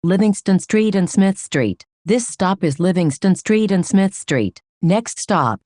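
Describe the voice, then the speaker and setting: A woman giving automated bus stop announcements in measured, evenly paced phrases. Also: mid-range voice, expressive, darkish tone, no echo, clean studio sound. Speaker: transit announcer.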